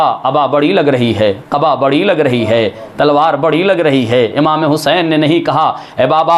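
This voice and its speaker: A man delivering a Muharram sermon as a religious scholar, reciting dramatically and acting out quoted speech with sudden high swells.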